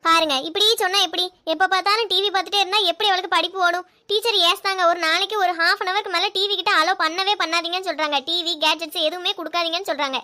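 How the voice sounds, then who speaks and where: A woman's voice: very high-pitched, fairly even intonation, fast talker, hardly any pauses, pushed and bright. A woman voicing a stern young mother in a cartoon, nagging sharply. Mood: exasperated. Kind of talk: cartoon voice acting.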